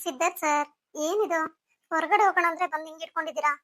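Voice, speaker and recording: A woman's voice: very high-pitched, fairly even intonation, very fast, a bit bright, faint music behind. A woman voicing a young female student and wife in a cartoon, talking in an earnest, polite, reproachful way. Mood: teasing. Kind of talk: cartoon voice acting.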